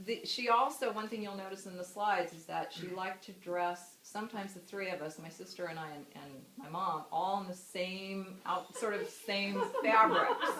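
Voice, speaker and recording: A woman in her fifties from the United States delivers a memorial speech about her mother in a gathering room, telling warm stories sprinkled with laughter and filler words. Her voice is medium-pitched, and the rough recording sounds roomy, with a bit of background noise.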